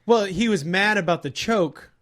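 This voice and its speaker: Higher-voiced joking man. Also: normal speed, fairly bright tone. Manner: jokey, laughs, quips. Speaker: podcast co-host. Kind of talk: casual chat about fights.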